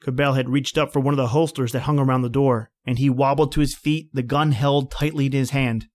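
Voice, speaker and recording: This is old-time radio drama acting with first-person narration: a performer voicing a quick-tempered, edgy man stationed at a remote outpost. He speaks briskly in a steady, mid-range voice near his everyday register, terse and reflective, in a somber mood.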